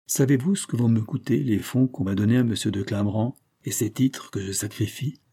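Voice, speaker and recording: A man's voice: mid-range voice, a little fast, warm tone, husky. A man voicing a stern, indignant middle-aged banker who speaks in a raised, vibrant voice.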